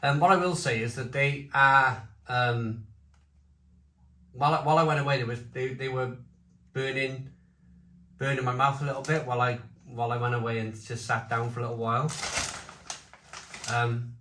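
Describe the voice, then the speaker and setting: A man giving a casual, unscripted review at home, talking haltingly and repeating his phrases. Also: medium pitch, fairly even intonation, pushed and bright. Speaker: food and beer reviewer. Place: home conservatory. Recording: roomy echo, faint background noise.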